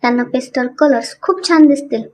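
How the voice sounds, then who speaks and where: A woman voicing a gentle, polite young wife who speaks softly. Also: high-pitched, fairly quick, a little hiss or hum, natural voice, poor audio.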